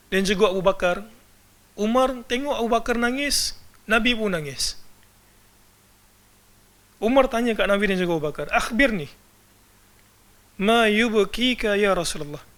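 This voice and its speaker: A man's voice: sits high, normal speed, long pauses, fairly bright tone. A man with a Malaysian Malay accent giving a religious lecture, often asking his audience rhetorical questions. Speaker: religious teacher.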